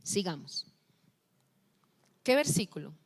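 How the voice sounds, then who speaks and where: A woman's voice: on the low side, sing-song, takes it slowly. A middle-aged woman pastor, preaching a sermon and firing questions at the congregation, scolding them at times. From Colombia.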